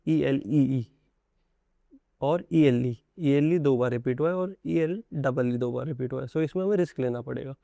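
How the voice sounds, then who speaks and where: Gravelly young Indian man teaching. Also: mid-range voice, moderate pace, mellow, no room sound, lo-fi sound. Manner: mixes English terms into Hindi, addresses students directly. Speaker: exam prep teacher. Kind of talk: explanatory video lesson.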